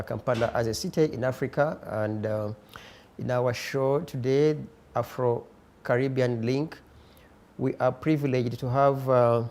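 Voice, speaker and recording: A Ugandan-accented man hosts a live interview from a studio. He speaks in a warm, mellow tone, courteous and formal, and pauses often. A faint hiss sits under his voice. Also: medium pitch. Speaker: talk show host. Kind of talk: live-streamed interview hosting.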